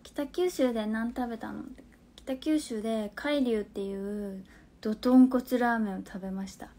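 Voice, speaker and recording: A young woman in her twenties speaking with a Hakata dialect, her voice sitting a little on the high side. She chats casually into her phone on a live stream, reading out viewers' comments and answering them, now and then sinking into soft, near-whispered asides. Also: normal speed. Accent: Hakata dialect of Fukuoka.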